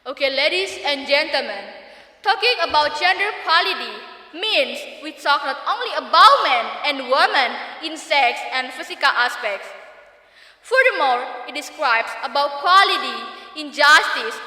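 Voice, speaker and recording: A woman's voice: high voice, sharp tone. A woman with an Indonesian accent delivering a formal contest speech in a stiff, memorized, declaiming manner with emphatic set phrases. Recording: echoey hall with long reverb.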